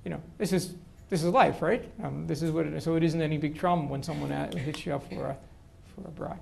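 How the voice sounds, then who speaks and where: Speaking quickly with vocal fry, this older man has a fairly high, slightly mellow voice, and there's a bit of background noise. He's a political science professor giving long answers to audience questions in a lecture hall, with frequent restarts.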